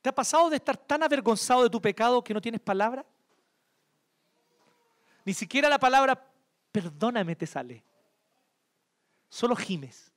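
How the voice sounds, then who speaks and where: Male preacher, Chilean accent, high and very lively pitch, expressive sermon delivery. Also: moderate pace, pauses often. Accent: Chilean Spanish. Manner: expressive, swings between loud emphasis and hushed tenderness. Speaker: pastor.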